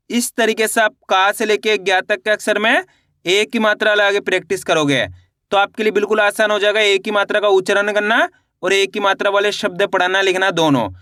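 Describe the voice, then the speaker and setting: A man teaching Hindi reading with a high, bright voice, sounding syllables out one by one and then asking how the word is read. His voice is smooth and crisp, recorded close and dry with no room sound. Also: no room sound. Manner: slow, patient syllable-by-syllable spelling with repeated questions to viewers. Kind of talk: online reading lesson.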